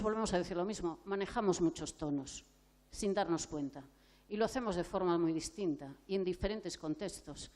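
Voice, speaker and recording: A woman's voice: fairly low pitch, darkish tone. A woman clinical psychologist from gives a conference lecture, explaining points and asking the audience rhetorical questions. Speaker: clinical psychologist giving a talk.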